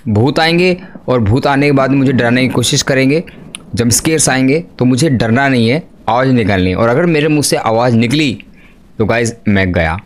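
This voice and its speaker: A man's voice: mid-range voice, expressive, a little fast. A man, a gaming YouTuber, gives chatty horror gameplay commentary into a desk microphone and keeps calling his viewers "guys".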